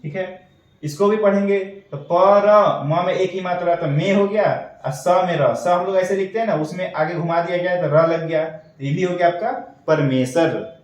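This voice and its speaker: A man teaching an online steno class, slowly spelling out letters and signs one by one. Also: sits high, darkish tone. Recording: echoey dull room audio, mic far off.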